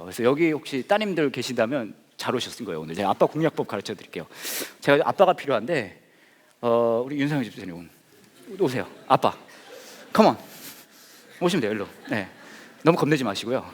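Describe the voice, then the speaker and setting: Man, pastor, humorous sermon, storytelling, quick delivery, lively pitch. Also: in a large hall. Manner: animated, jokey, acts out voices.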